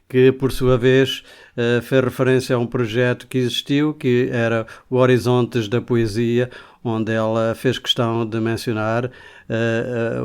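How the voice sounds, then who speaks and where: A man's voice: mid-range voice, smooth. A man hosting a radio interview, rambling a little and repeating words as he finds his phrasing. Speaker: radio host.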